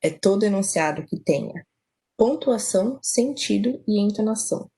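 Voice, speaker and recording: A woman's voice: medium pitch, lively intonation, normal speed, gravelly, mellow, breathy edge, rough recording. A young woman from Brazil teaching an online grammar lesson as a tutor, explaining step by step with frequent fillers.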